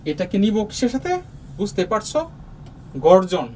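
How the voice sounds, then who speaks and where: Slow, patient Bangladeshi man teaching. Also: high voice, very animated, darkish tone, recorded from a distance, poor audio. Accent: Bangladeshi Bengali. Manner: slow, patient, with many pauses and fillers. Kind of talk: explaining a lesson to young students. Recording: voice from off the mic, faint room noise.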